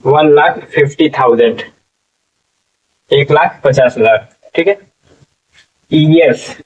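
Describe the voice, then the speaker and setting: A man's voice: on the high side, slow pace, distant mic, dull audio. A man teaching English reading to learners, spelling words out letter by letter and often checking in with "ठीक है". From India. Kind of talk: slow spelling-out classroom lesson.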